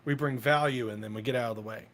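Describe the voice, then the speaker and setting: A man's voice: medium pitch, fast, fairly bright tone. Easygoing man co-host explaining things. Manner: explains step by step, keeps asking "right?". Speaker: podcast co-host. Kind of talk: casual live chat.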